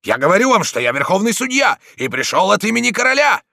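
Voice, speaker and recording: Stern older judge, commanding and insistent, voiced higher and louder by a male reader. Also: animated, normal speed, dry recording, studio quality. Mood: commanding shout.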